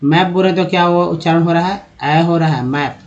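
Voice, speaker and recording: A man giving a spoken English lesson, reading each word slowly, spelling out its letters and repeating it, and often calling his viewers friends. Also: fairly high pitch, dull audio. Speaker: English teacher.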